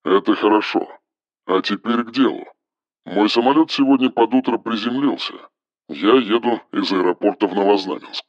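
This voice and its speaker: A man reading an audiobook, voicing a cold, commanding engineer who gives flat, toneless orders over the phone in a metallic voice. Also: fairly low pitch, normal speed, no echo, highs cut off, pitched below the performer's own voice. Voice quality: metallic timbre.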